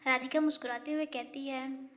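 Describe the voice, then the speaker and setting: A woman narrating an audio love story, reading slowly and correcting herself as she goes. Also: sits high, steady tone, fairly bright tone. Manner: slow reading with spoken self-corrections.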